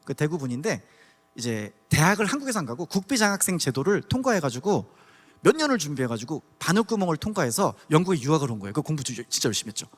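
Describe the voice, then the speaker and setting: A man from Daegu giving a testimony sermon at a church service, telling his story in an animated way and acting out the scenes. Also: a little high, quick pace. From Daegu, South Korea. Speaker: guest preacher. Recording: long church hall reverb.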